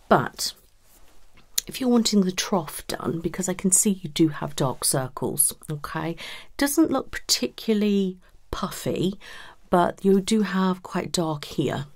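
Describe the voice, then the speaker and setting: A British woman with a low, creaky voice performs an ASMR roleplay as a cosmetic surgery consultant, soft-spoken with some whispering. She asks questions conversationally, reassuring and unhurried, in a small indoor room set up as a clinic.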